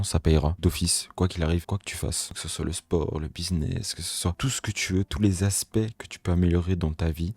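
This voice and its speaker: Deep-voiced young man, emphatic pep talk. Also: a little mellow, dry recording. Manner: direct, addresses the viewer as "tu", repetitive and emphatic. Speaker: YouTuber giving motivational advice. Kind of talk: casual motivational talk to camera. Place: small home recording setup. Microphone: microphone close to the mouth.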